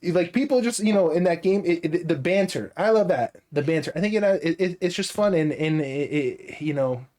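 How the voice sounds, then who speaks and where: A man's voice: fairly high pitch, animated, moderate pace, few pauses, mellow. A man co-hosting a casual podcast, talking at length with many restarts and fillers. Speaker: podcast co-host. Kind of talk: casual chat.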